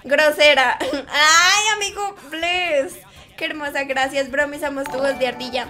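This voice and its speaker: A young woman with a very high, squeaky voice and a bright, sharp tone, chatting casually on a live stream. She reads her chat aloud, giggling and teasing her viewers. Soft music plays faintly behind her. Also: steady tone, normal speed.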